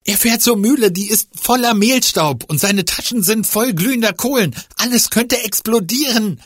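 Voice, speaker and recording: Guy putting on a breathy little boy voice, pitched way up, all eager shouting, storybook. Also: normal speed, no room sound, studio quality, heavily acted. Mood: urgent. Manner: urgent, excited calls. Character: eager plucky boy on an adventure.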